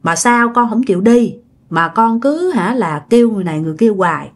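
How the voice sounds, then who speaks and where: A woman voicing a calm old male Buddhist monk who slowly and gently admonishes a spirit. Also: fairly high pitch. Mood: admonishing.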